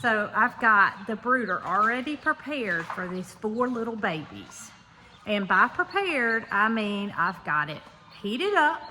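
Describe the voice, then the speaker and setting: Standing in an echoey barn, a woman chats to viewers in a homespun farm vlog, with birdsong and clear background noise around her. Her mid-range voice is sing-song, a touch slow, pushed, and bright.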